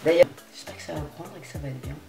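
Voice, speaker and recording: A woman's voice: deep voice, steady tone, rapid-fire, gravelly, mellow, faint music behind. Chatty slang-heavy woman vlogging in a roomy space. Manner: slangy, chatty, self-mocking. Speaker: beauty vlogger. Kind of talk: casual vlog chat while dyeing her hair. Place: indoors at home at night.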